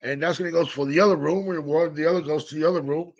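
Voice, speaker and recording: Broadcasting from the fish room in his living room, a man hosts his casual aquarium hobby vlog, hyped and playful, repeating phrases and slipping into mock announcer bits. His voice runs on the high side with a steady tone, a fast pace and a darkish quality, and the highs are cut off.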